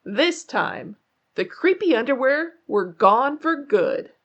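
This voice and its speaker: High, animated woman reading a children's story. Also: slow pace, lo-fi sound. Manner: expressive, drawing out key words for suspense. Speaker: children's book narrator. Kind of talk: animated read-aloud storytelling.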